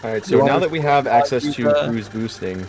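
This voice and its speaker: A man commentating on a live speedrun, explaining the route in a steady, matter-of-fact way. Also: mid-range voice, fast, slight background noise.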